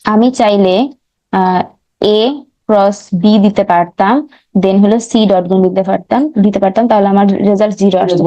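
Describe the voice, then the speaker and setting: A young woman, teaching an online recap lecture. Her voice is warm and mellow, and she talks through each step, pausing to correct herself. The recording is dry and a bit dull. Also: medium pitch, dry recording. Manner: talks through steps on a board, frequent self-corrections and fillers.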